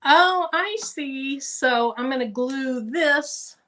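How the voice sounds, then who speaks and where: A woman's voice: high voice, slow pace, a bit bright, slight background noise. A woman talking casually over a video call while she works on a craft project, thinking aloud as she goes. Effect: heard over a video call. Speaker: guest crafter. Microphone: computer microphone on a video call.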